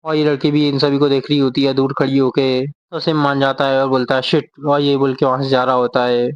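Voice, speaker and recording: A man retelling a manga story, quoting the characters' lines in his own steady voice without acting them out. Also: medium pitch, no echo, dull audio. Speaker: manga explainer.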